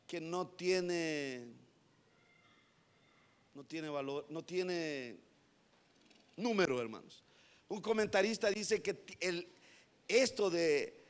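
A man preaching a sermon, moving between hushed passages and emphatic repetition, often addressing his listeners as brothers. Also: high voice. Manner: animated, swings from hushed to emphatic, repeats "hermanos".

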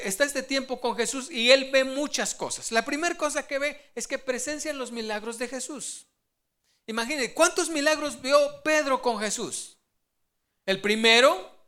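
A preacher delivering a sermon to the congregation with a bright, sharp tone. The story comes out animated, with quoted lines acted out in sudden vivid jumps. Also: sits high.

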